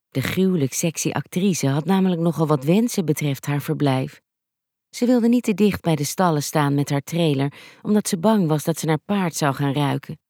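An audiobook narrator reading a story in an even, measured storytelling manner. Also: medium pitch, no echo, clean studio sound. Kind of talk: scripted narration.

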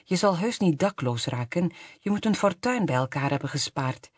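A reader voicing a sharp-tongued, bitter grown woman in an audiobook, in a husky voice. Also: medium pitch, animated, moderate pace, no echo, studio quality. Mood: snapping. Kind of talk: audiobook reading.

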